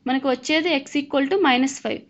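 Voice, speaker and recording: A woman's voice: sits high, steady tone, measured pace. A woman teaching a math lesson as a voice-over, patiently explaining steps and asking learners to check along. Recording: slightly dull lo-fi recording.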